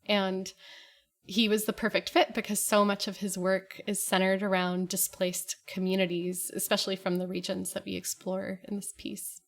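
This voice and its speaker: Woman composer, guest, easy chatty delivery, mid-range voice. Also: mid-range voice. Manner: chatty, with frequent fillers and laughs. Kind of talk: casual interview talk.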